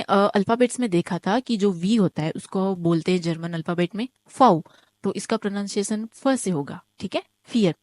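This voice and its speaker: A woman with a mid-pitched voice teaches an online German lesson, recorded dry and close with no room echo. She works through the material step by step and keeps checking with "ठीक है?". Each example word gets said slowly, twice. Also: a little mellow. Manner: explains step by step, often asks "ठीक है?".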